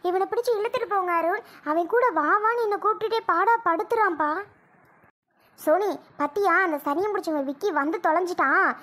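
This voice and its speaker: A woman voicing an injured young wife in a cartoon, who is furious and scolds sharply. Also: fairly bright tone. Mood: relieved, complaining. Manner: shrill, scolding, exasperated. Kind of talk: cartoon voice acting.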